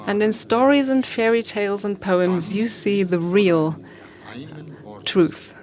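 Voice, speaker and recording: A woman giving a talk on fasting, telling a parable slowly with pauses and fillers. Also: mid-range voice, steady tone, darkish tone. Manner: slow, pausing, with fillers. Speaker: speaker on fasting. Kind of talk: storytelling talk.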